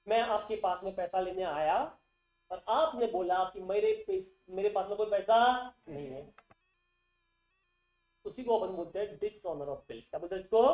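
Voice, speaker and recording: Male teacher, classroom lecture, call-and-response questions, roomy muffled recording. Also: sits high. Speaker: accountancy teacher.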